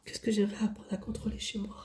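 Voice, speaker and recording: A woman's voice: mid-range voice, completely flat delivery, quick pace, background noise. A woman vlogger chatting candidly and rambling as she answers tag questions, often repeating herself. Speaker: hobby vlogger.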